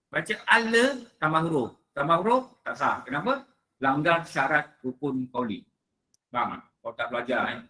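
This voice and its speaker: A man's voice: a little high, sharp tone. Emphatic man quizzing his class. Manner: drilling, quizzing listeners with rhetorical questions; emphatic, repeats rules in short clipped phrases. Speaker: religious teacher. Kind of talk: mosque lecture on prayer recitation. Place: prayer hall.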